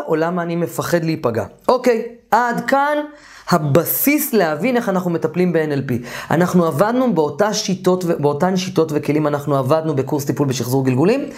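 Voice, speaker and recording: A man teaching a therapy course in an informal, animated lecture. He often trails off and restarts his sentences, and at times raises his voice to act out sessions with clients. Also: on the high side.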